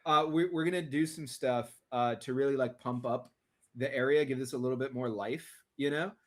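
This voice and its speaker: A man's voice: mid-range voice, fairly even intonation, moderate pace. Upbeat joking male player. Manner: enthusiastic, joking, stammering restarts. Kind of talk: in-character tabletop role-play.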